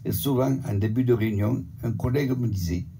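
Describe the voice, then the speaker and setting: An older man from the Montpellier area with a southern French accent, a retirement home resident reading a prepared report in a steady, measured way. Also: mid-range voice, a little hiss or hum. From Montpellier area, southern France. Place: retirement home, sent as a video.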